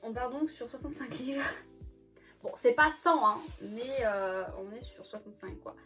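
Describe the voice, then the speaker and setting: A young woman vlogger chatting casually about her books from the floor, laughing often and filling pauses with little hesitations. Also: a little high, over music. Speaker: book vlogger. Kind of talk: casual chat. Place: bedroom floor by a bookcase.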